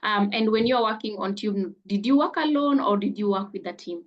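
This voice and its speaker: A woman's voice: medium pitch, a little fast, lo-fi sound. A woman hosting an online interview with a graduate, upbeat and full of praise. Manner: upbeat, effusive praise with frequent "amazing". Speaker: host.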